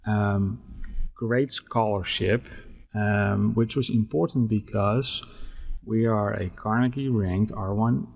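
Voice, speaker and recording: Man, Dutch accent, forties, low gravelly voice, enthusiastic interview guest. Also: slow pace, darkish tone. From Netherlands. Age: 40s. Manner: enthusiastic, chatty, tags statements with "right?". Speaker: guest, sports management professor. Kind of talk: podcast interview.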